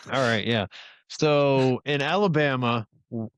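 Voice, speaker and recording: Man, podcast host, casual rambling story, cusses a lot, smooth voice, dry close sound. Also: medium pitch, lively intonation, slow pace, dry recording. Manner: rambling storytelling with profanity and fillers. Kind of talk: casual chat among friends.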